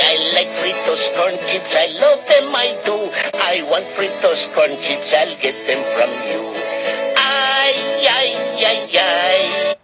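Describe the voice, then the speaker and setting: A man's voice: high-pitched, exaggerated voice. A man voicing a jolly cartoon bandit with a Mexican Spanish accent who sings an old ad jingle. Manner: sing-song, merges ch into sh. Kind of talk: 1960s ad jingle. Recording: dull old ad over loud music.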